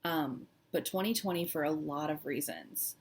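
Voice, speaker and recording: A woman vlogger chatting casually and personally, halting and hesitant with long pauses, sounding shaky and close to tears. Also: low-pitched, breathy edge. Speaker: cross-stitch vlog host. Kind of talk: casual personal chat to camera.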